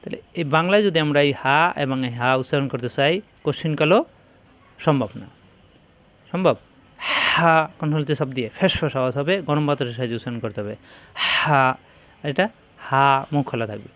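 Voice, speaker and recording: A man teaching a Quran pronunciation lesson, drawing out each Arabic letter sound slowly and firmly. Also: mid-range voice. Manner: slow, drawn-out demonstration of letter sounds.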